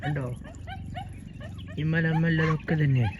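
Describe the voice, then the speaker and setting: A man's voice: on the high side, fairly even intonation, a little slow, muffled recording. A man with a Malayali accent chatting casually for an outdoor travel vlog, mixing English words into his Malayalam. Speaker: vlogger. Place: outdoors in the open. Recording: noisy outdoor recording with animal and vehicle sounds.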